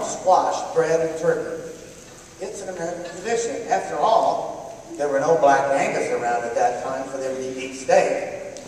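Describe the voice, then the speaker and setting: A man's voice: a little high, darkish tone, a little hiss or hum, lightly acted. A man playing a cheerful, chummy school principal in a school stage play, explaining things plainly. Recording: echoey hall from far off.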